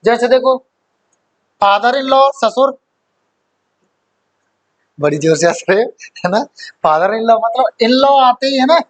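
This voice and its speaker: A man's voice: extremely high pitch, expressive, takes it slowly, pauses often, low-quality recording. A man teaching a grammar class who quizzes his students, repeats key points, and mixes English terms into his explanations. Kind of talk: classroom lecture.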